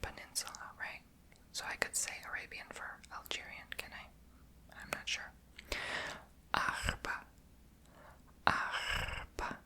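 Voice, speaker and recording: An ASMR creator whispers in a chatty, rambling way at a moderate pace, her tone sharp. She mentions being tongue-tied and producing her r in her throat.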